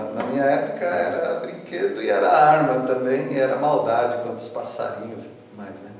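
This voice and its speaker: Brazilian pastor preaching in an echoing church hall. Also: male voice, medium pitch, a little mellow, slight background noise. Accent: Brazilian Portuguese. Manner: conversational, asks the congregation tag questions; reads scripture verses aloud with rising emphasis. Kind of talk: expository sermon. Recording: echoey church hall from far off.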